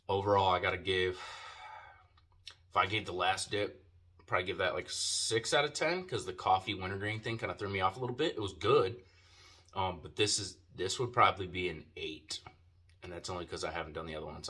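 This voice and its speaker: A man with a low, sharp-toned voice does a casual product review on video. He talks with dip in his lip, sounding laid-back and using plenty of slang and profanity.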